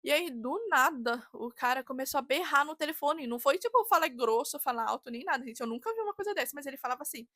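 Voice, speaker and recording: A woman's voice: sits high, quick pace, hardly any pauses, no echo, clean studio sound. A woman, telling a story casually and animatedly as a vlogger. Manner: chatty, animated, re-enacts dialogue.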